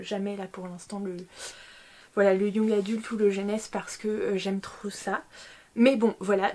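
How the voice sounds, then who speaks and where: A young French woman talks casually to her viewers about her new books. Her chat is loose and self-mocking, packed with little fillers and restarts, and her pitch sits in the middle. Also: dark tone, a little hiss or hum. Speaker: book vlogger.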